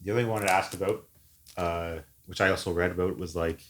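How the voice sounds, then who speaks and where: A man hosting a podcast, asking curious, halting questions with repeated words and easy laughter. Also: deep voice, steady tone, fairly bright tone, slight background noise. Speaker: podcast host. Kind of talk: casual interview chat.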